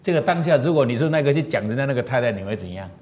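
Man, lively teacher, tells parables, quizzes the room, swooping mid-pitch voice. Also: rapid-fire. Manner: animated, asks the audience questions. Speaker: moral teacher. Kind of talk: storytelling lecture to an audience.

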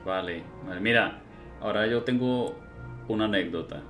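Low-voiced man cutting in. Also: normal speed, a bit bright, faint music behind. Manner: prodding, interrupts to steer. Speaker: podcast co-host. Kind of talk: casual chat.

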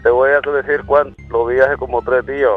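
A man's voice: medium pitch, level tone, fairly quick, soft background music. Caller on a muffled phone line, demonic voice filter on a man's voice. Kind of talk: phone-in story.

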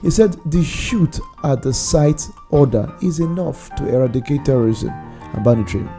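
A man's voice: fairly high pitch, animated, moderate pace, creaky, mellow, faint music behind. A man with a Nigerian accent relaying and discussing news reports casually in Nigerian Pidgin mixed with English.

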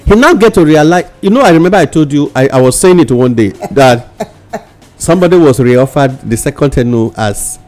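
A Nigerian man with a fairly high voice comments on current affairs on a radio show. He slips between English and Nigerian Pidgin, halting and repeating himself for emphasis. There is music behind him. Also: expressive, a little mellow. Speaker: radio talk show panellist.

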